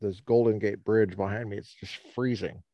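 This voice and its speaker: A man from Colorado co-hosting a casual talk show, talking in a rambling, halting way with many restarts, standing outdoors by the ocean on a cold day. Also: fairly low pitch, fairly even intonation, no echo, highs cut off. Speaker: podcast co-host. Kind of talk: casual chat.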